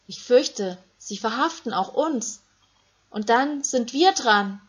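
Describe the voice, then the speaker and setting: Woman reading a scared young male disciple in a storybook, anxious, slow. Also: a little high, lively intonation, a bit bright, slightly rough, pitched above the performer's own voice, heavily acted. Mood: fearful. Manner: anxious, fearful.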